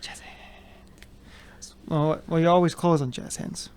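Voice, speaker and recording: A man's voice: fairly high pitch, level tone, normal speed, a little mellow, clean tone. A man hosting a casual chat from his home studio, loose, joking and rambling as he talks. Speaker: host. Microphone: headphones with mic.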